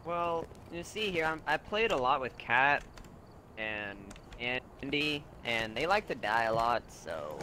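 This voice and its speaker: A man's voice: mid-range voice, very animated, takes it slowly, bright, forceful tone, slight background noise. A man chatting casually as he plays a video game with others. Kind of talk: casual gaming chat.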